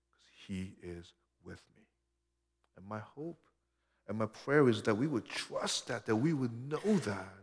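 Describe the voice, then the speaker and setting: A man from Korea, around his thirties, giving a sermon as a pastor in an earnest, conversational way that often drops to a soft hush. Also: lowish voice. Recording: long hall reverb.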